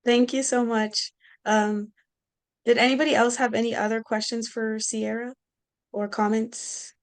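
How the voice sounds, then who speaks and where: A woman's voice: fairly high pitch, little pitch movement, unhurried. A woman informally moderating a group of speakers on a video call. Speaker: moderator of online panel. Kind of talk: informal hosting.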